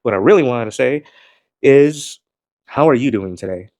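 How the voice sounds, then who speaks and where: A man talks casually to his camera in a loose, rambling way, dropping the odd swear word. His voice sits at an ordinary middle pitch and he calls it monotone himself. The sound is dry and close, with no room echo. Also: normal speed. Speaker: gym vlogger.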